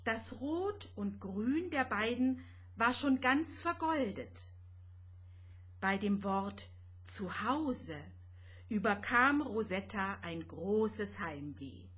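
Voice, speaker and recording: A woman reading her own children's story aloud in a gentle, expressive way. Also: medium pitch, slow, slightly rough.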